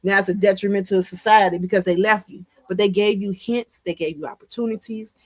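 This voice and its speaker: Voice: medium pitch, steady tone, fairly quick. A co-host of a casual podcast, speaking frankly and emphatically about relationships.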